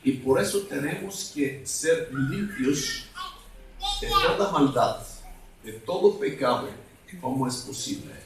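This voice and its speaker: A man preaching a deliverance sermon as an evangelist, speaking in a slow, halting way and sometimes asking the congregation for a word. His is not the one he preaches in. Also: fairly high pitch, big pitch swings, noisy background. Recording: echoey hall, mic at a distance.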